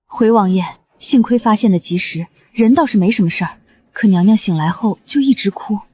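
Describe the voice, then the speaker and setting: A woman's voice: mid-range voice, expressive, brisk, mellow, husky. An actress playing a dutiful palace maid reporting respectfully to her master. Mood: urgent. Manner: deferential, reporting. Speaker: servant.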